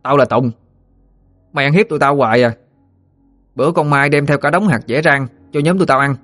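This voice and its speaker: A man's voice: on the high side, a bit bright, soft background music, voice pushed up, close to an everyday voice. A man voicing a timid schoolboy who speaks up indignantly. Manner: indignant, rapid accusing. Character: timid boy turned suddenly brave.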